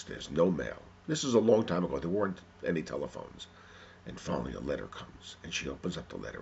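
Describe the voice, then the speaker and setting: Deep gravelly man telling a story. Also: highs cut off, slight background noise. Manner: unhurried, animated delivery.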